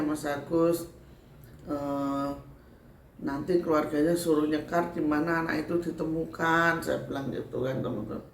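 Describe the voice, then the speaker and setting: Gravelly Javanese woman telling a story. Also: deep voice, slight background noise. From Sragen, Central Java, Indonesia. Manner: chatty, loops back with filler tags. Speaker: spiritual medium vlogger. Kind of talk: casual storytelling to viewers. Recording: echoey room with faint background ambience.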